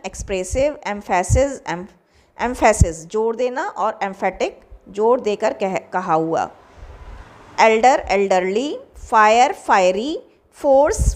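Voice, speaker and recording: A young adult woman with an Indian accent, teaching vocabulary and reading out word pairs with encouraging asides. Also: mid-range voice. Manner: reads word pairs aloud, gives Hindi meanings. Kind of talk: vocabulary lecture.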